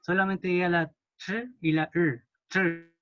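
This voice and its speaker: A man teaching a language class, patiently modelling words slowly for students to repeat. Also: a little high, fairly bright tone, lo-fi sound. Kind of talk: classroom pronunciation lesson.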